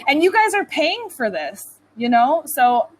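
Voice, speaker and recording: Very animated, the North American tutor talks in a high, unhurried voice during a relaxed online English lesson, using "like" constantly. The audio quality is poor.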